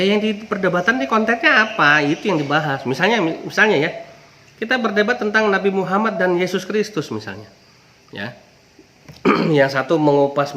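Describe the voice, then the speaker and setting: A man's voice: medium pitch, a bit bright, slight background noise. A man with an Indonesian accent giving an informal religious talk, conversational, often adding "ya" to his points and lifting his voice on key words. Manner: conversational, frequent "ya" and "gitu ya" tags, rising emphasis on key words. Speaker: Islamic preacher.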